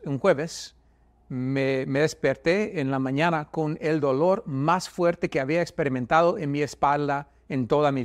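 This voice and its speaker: A man shares a personal religious testimony, speaking haltingly with frequent repeated words and restarts. When he recalls his anguish, his voice climbs higher and grows louder.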